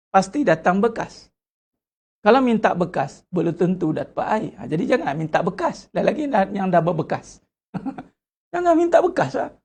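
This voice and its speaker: With vocal fry in a medium-pitched voice, a Malaysian Malay-accented religious teacher lectures animatedly, posing rhetorical questions and performing prayers aloud.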